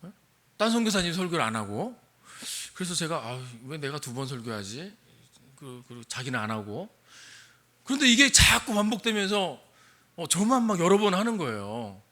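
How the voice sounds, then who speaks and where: A man's voice: sits high, sing-song, normal speed, pushed and bright. An older man, a missionary pastor, preaching a sermon and asking his congregation questions. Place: church sanctuary.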